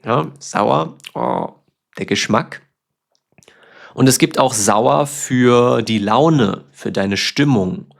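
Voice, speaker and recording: A man's voice: mid-range voice, expressive, slow, creaky. A man from Germany hosting a language podcast, explaining words patiently with simple examples. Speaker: German teacher, podcast host. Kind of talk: slow, clear teaching talk.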